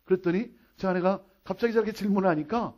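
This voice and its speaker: A middle-aged man preaching a revival sermon as pastor in a church, repeating key phrases and dropping to soft asides. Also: high voice, fast, highs cut off. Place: church sanctuary.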